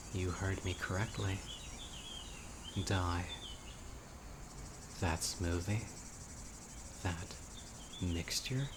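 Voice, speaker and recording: Crickets, insects and birdsong fill the outdoor background as a low-voiced man delivers a dramatic roleplay monologue to the listener. He plays an obsessive, dying young witch, a devoted yandere lover, and addresses his beloved in a measured, intimate, pleading manner.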